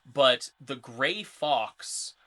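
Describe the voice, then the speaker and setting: A man's voice: medium pitch, animated, drawn-out words, fairly bright tone. Rambling male podcast co-host. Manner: explains game lore in a loose, rambling way. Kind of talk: casual chat.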